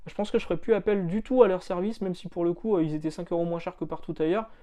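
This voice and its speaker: A man's voice: sits high, quick pace, mellow. A man who runs a comic shop, chatting casually to his viewers in a rambling way, with many fillers and restarts. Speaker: comic shop owner and video host. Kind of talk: casual chat.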